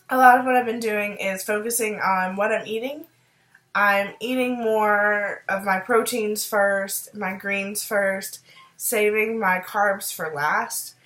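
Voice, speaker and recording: A woman chatting upbeat in a casual video diary, fighting off a cold and clearing her throat now and then, with frequent ums. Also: mid-range voice, a bit bright. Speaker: video diarist. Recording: roomy echo.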